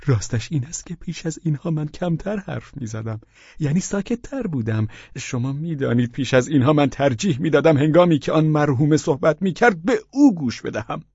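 A man's voice: fairly high pitch, lively intonation, darkish tone, breathy edge, no echo, dull audio, voice pushed up. A man voicing a fawning, overwrought middle-aged widower in an audiobook, pleading in a raised, emotional voice. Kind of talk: audiobook character reading.

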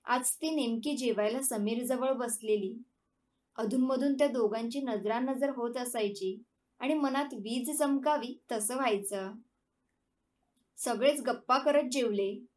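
Woman narrator, slow measured reading, fairly high voice, mic at a distance. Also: darkish tone. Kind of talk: scripted story narration.

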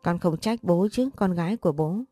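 Woman doing a dead old dad's spirit, soft and grieving, low mellow voice, story audio. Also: moderate pace, no echo, faint music behind, lightly acted. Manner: pleading, fatherly. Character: dead father, older man, tender and grieving.

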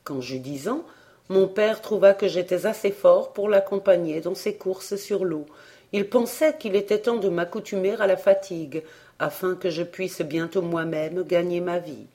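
A volunteer audiobook reader narrating a memoir-style story in a measured, steady way. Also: mid-range voice.

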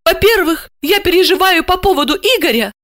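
A woman voicing a nervous young woman in an audiobook, with a high, piping, pleading manner. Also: animated, fairly quick, fairly bright tone, dry recording, studio quality. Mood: flustered. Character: nervous young woman Asya, squeaky and flustered. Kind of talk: audiobook character voice.

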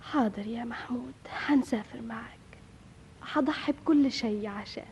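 A spirited young Egyptian village girl, high-voiced. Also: expressive, fairly quick, darkish tone, lo-fi sound, slight background noise. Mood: tender. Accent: Egyptian Arabic. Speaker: Maysoun, heroine. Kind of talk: 1960s-style Egyptian radio drama acting.

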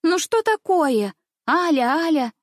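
A spoiled little girl of noble birth, high-pitched and bossy, who giggles and demands , as a woman puts her on for a storybook. The sound is dry and close. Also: animated, normal speed, no room sound. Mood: capricious. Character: spoiled rich little princess girl, capricious.

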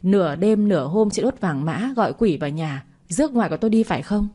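A woman voicing an angry young sister-in-law who makes fast, tearful accusations, in an audio story. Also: medium pitch, animated, mellow, natural voice. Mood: accusing.

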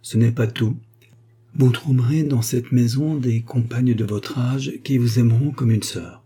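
A kindly, fatherly middle-aged lawyer speaks calmly and reassuringly, voiced by a man reading an audiobook. The voice is dark and mellow with a slightly husky grain. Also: medium pitch, unhurried. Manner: calm and reassuring.

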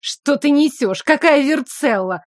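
Audiobook bit part: woman narrator doing a sugary-sweet young maid who turns crude and spiteful, pitched up, no room sound. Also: animated, unhurried, no echo, studio quality. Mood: indignant. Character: coarse scheming young serving girl, secretly a bandit.

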